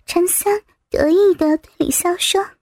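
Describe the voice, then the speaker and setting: Woman narrator, very high voice, soft breathy reading, dry close sound. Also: measured pace, no room sound. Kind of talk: adult story narration.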